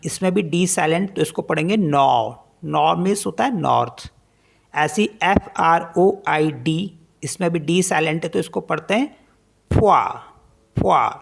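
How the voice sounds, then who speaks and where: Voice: medium pitch, creaky. A language teacher explaining French pronunciation in Hindi, spelling each word letter by letter and then repeating how it is read.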